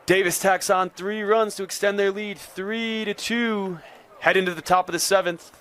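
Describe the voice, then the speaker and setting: A man's voice: high voice, steady tone, normal speed, a bit bright, a little hiss or hum. A man giving live play-by-play baseball commentary as a sports announcer.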